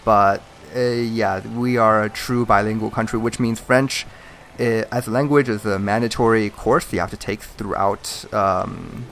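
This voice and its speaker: A man's voice: lowish voice, steady tone, unhurried, fairly bright tone, a little hiss or hum. A man hosting a gaming video, chatting in a rambling, friendly way with lots of fillers and chuckles. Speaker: gaming channel host. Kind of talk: casual chat over gameplay.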